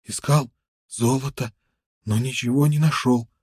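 A man's voice: mid-range voice, fairly even intonation, a little slow, a little mellow, slightly rough, dry recording, clean studio sound. A man voicing a worn-out, toothless fur trader who stammers and pleads ingratiatingly in an audiobook. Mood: pleading.

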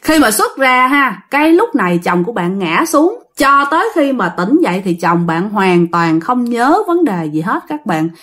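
Woman, Southern Vietnamese accent, chatty ghost-story narration, fairly high, lively pitch. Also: normal speed, few pauses. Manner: addresses listeners directly, chatty.

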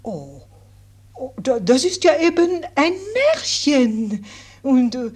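An actress playing a gentle, fussy French royal governess in a radio play, plaintive and over-refined. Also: female voice, high voice, reverberant.

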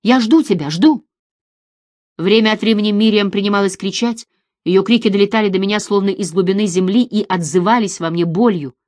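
A woman reading narration in an audiobook, with expressive delivery. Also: mid-range voice, quick pace, no room sound, studio quality. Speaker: audiobook reader.

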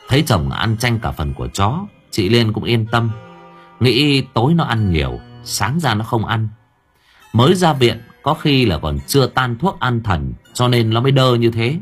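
A man narrating a story with lively, expressive storytelling. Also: medium pitch, slightly rough. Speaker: audiobook narrator.

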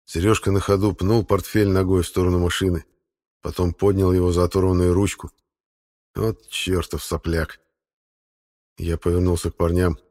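A man narrating an audiobook in a steady, measured storytelling manner. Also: sits low. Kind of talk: scripted narration.

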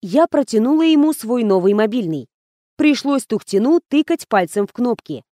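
Woman audiobook narrator, even and matter-of-fact, slightly high, dry booth sound. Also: moderate pace, dry recording. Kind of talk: first-person audiobook narration.

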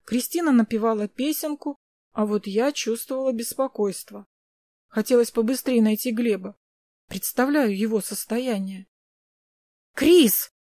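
A woman narrates a story in the first person, her voice fairly high and gentle with a reflective manner. The recording is close and dry, with no room around her. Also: moderate pace, no echo.

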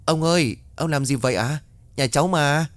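A man's voice: fairly high pitch, moderate pace, dry recording, voice pushed up, natural voice. A man voicing a polite, cheerful young woman student who talks respectfully to her elders. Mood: anxious.

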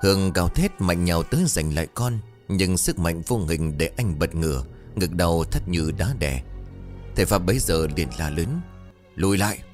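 A man's voice: deep voice, expressive, normal speed, a little mellow, faint music behind. A man narrating a horror story in a dramatic, suspenseful way.

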